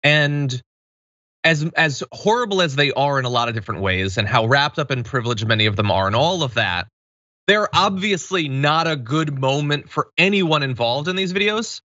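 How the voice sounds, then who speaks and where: An American man in his thirties hosting conversational news commentary in a measured, hedging way. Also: a little high, big pitch swings, sharp tone, no room sound, highs cut off. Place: small indoor studio.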